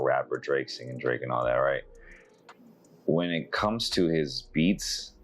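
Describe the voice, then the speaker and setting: Very low-voiced male album reviewer, casual and rambling. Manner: rambling, laughing, animated voices when quoting. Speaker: music reviewer.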